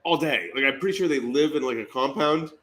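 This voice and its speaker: A man's voice: mid-range voice, a little fast, a bit bright. A man hosting live bar trivia, reading out questions, cracking jokes and swearing freely. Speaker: trivia host.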